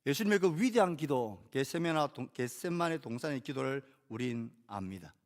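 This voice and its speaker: A male pastor preaching a sermon in a measured way, lifting key phrases and letting sentences fall softly, with rhetorical questions to the congregation. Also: mid-range voice, lively intonation.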